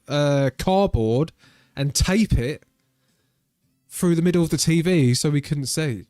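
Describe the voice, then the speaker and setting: A man's voice: fairly high pitch, darkish tone, no echo, studio quality. A British man chatting casually and rambling while streaming a game. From Britain. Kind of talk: casual live-stream chat.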